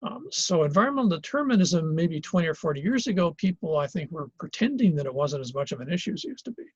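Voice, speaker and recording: A man with a fairly high, husky voice lectures fast and with big pitch swings in a college geography class in Hawaii. He's conversational, thinking aloud with lots of fillers and restarts, and the recording is dry and lo-fi.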